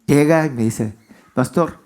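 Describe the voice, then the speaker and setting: A male pastor with a slightly slow, slightly mellow voice gives a conversational sermon in church. He tells stories, asks the congregation questions, and lets his pitch swing widely.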